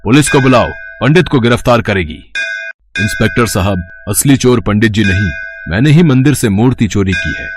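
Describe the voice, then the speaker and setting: A man voicing characters in a devotional cartoon, switching between roles with a lively delivery. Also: on the low side, moderate pace. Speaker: voice actor for many characters. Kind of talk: cartoon voice acting. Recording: voice-over with faint background music.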